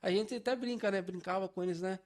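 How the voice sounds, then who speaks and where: A man's voice: high voice, fast talker. A man from Brazil, an adoptive father, telling family stories in a casual podcast conversation, acting out dialogue and laughing easily.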